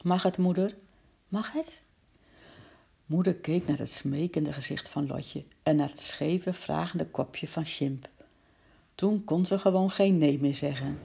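A woman reads a children's story aloud at a steady storytelling pace. Her voice is low and gravelly, with a dark, husky tone. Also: measured pace. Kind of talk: reading a children's book aloud.

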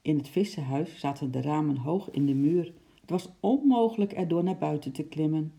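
A narrator reading a children's chapter book aloud in a calm, measured voice. The tone is very dark and mellow, with a gravelly edge. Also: mid-range voice.

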